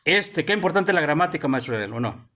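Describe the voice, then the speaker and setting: With a quick pace and very animated delivery, a male pastor gives his sermon in a church hall. His sharp voice leans high, and he keeps crying "hermano" to the congregation.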